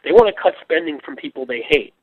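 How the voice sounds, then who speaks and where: A man appearing as a guest on a political talk show who speaks heatedly and haltingly, repeating words before he lands his point. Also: fairly high pitch, expressive, husky, no room sound. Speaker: guest commentator. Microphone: phone line. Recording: tinny phone line.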